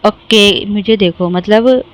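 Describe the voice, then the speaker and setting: A woman's voice: mid-range voice, slow pace, heavy background noise. A young woman narrating her own family vlog in a casual, chatty voice-over, teasing herself as she tells the story. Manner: chatty, self-mocking, animated storytelling. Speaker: vlogger and mother.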